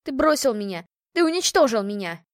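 A woman's voice: high voice, animated, a little fast, no echo, studio quality, voice pushed up. A woman reading the part of a proud, bitter young noblewoman who has been jilted, accusing and sarcastic in an audiobook. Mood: furious.

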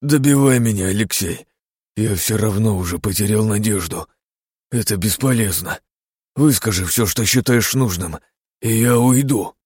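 Man doing a hoarse, stammering young man. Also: fairly low pitch, normal speed, a little mellow, dry recording, studio quality. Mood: despairing. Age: young adult. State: hoarse and trembling.

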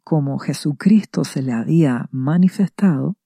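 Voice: medium pitch, moderate pace, gravelly, dark tone, husky, no room sound, studio quality. A preacher giving a sermon, retelling a scripture passage and asking rhetorical questions before answering them. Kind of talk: radio sermon reading scripture.

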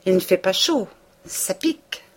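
A woman's voice: medium pitch, expressive, measured pace, husky, voice pushed up. A woman reading a novel aloud, voicing a male village tax collector who speaks curtly and slyly. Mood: chatty. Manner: curt and sly.

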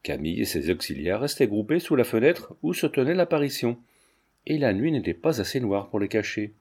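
A man reading a classic novel aloud as narrator, with measured, steady storytelling. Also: mid-range voice, breathy edge. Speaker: audiobook narrator.

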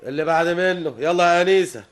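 A man's voice: fairly high pitch, fast, faint music behind, close to an everyday voice. A man voicing a bossy man who orders people through a theft test, brusque and impatient, in an Egyptian accent, in a radio drama. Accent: Egyptian Arabic. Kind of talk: vintage radio drama acting.

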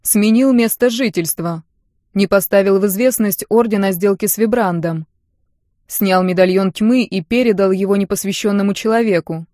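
Woman doing a cynical dark-order man, cold judge-like tone, mocking, slow and raised, dry close voice. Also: medium pitch, no room sound, close to an everyday voice. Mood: stern. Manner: cold formal verdict tone, mocking.

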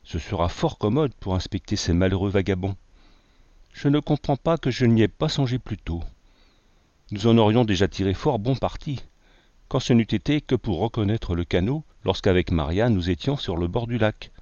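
A boastful, carefree artist who laughs off every danger, put on by a male reader. His voice sits low and swaggers along. The sound is dry and dull, like a lo-fi recording. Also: animated, moderate pace, warm tone, no room sound, lightly acted. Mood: breezy. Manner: swaggering, jokey nonchalance.

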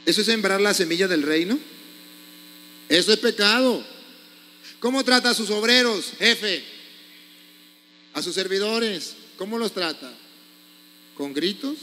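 Forceful high-voiced priest preaching. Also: male voice, animated, unhurried, pauses often, long reverb tail, slight background noise. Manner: forceful, scolding rhetorical questions. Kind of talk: sermon.

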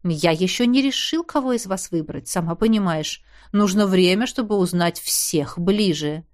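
A woman voicing a haughty, smug male sorcerer lord who speaks quietly in a silky, ingratiating way, in an audiobook. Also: lowish voice, normal speed, close to an everyday voice. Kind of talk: audiobook character voice.

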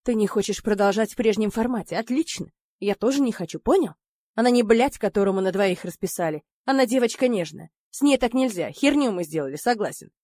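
A woman reading an audiobook, voicing a brash, foul-mouthed man who talks loudly and jeers. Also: mid-range voice, expressive, brisk, no echo, studio quality, natural voice. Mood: jeering. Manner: loud, jeering, swearing.

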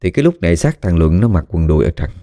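A man's voice: sits low, sing-song, fast, dark tone. A man narrating a ghost story in a colloquial way, with dramatic exclamations.

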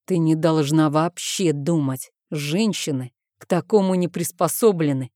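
A smug male villain drawls down the phone with lazy contempt, as a woman reads him out. The voice is low and dark, set against a dry, close recording, as in an audiobook. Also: unhurried, dry recording. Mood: contemptuous. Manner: condescending, drawling. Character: smug arrogant man, misogynist villain on the phone.

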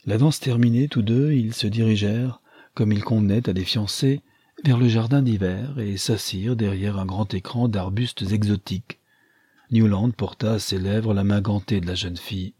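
Husky-voiced man reading a novel. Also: on the low side, normal speed, mellow, dry recording. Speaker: audiobook narrator. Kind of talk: scripted literary narration.

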